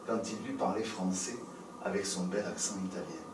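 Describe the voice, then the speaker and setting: Storyteller on a distant stage. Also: male voice, low voice, moderate pace, slight background noise. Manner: lively, playful, swings between loud and hushed. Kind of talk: theatrical storytelling for adults. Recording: roomy live recording from a distance.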